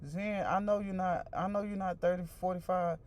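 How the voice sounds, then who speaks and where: Her voice sits on the low side, a little mellow and steady, at an ordinary pace. She's a woman in her forties hosting a casual livestream, chatting loosely with viewers, repeating herself, and reacting to their comments.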